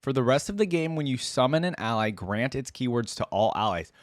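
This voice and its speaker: Talking to his viewers as "guys," a man provides casual, enthusiastic reaction commentary as a video host. His medium-pitched voice has lively intonation and a fairly quick pace. The studio-quality recording has no room sound, with music playing behind.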